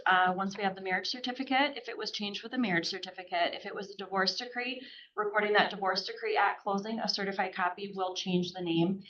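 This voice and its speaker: A woman from a title company calmly explaining legal procedures to a team. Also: medium pitch, slight background noise. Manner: matter-of-fact, explanatory. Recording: dull muffled room audio.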